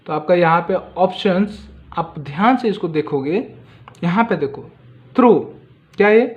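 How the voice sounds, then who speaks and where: Guy teaching kids exam stuff, keeps asking questions, says words slow n repeats them, bit muffled lo-fi audio. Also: high voice, expressive. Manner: drills pupils with repeated questions; repeats words slowly to model pronunciation. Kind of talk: exam-prep lesson.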